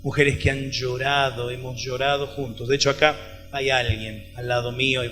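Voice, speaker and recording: A man preaching in Rioplatense Spanish, retelling a woman's story and her doctor's words, his voice swinging from loud stresses to hushed lines. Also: mid-range voice, little pitch movement, normal speed, faint music behind. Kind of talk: sermon with retold dialogue. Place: large event hall.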